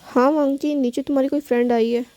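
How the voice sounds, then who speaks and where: A woman reading as a calm older brother. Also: sits high, fast talker, dry recording, natural voice.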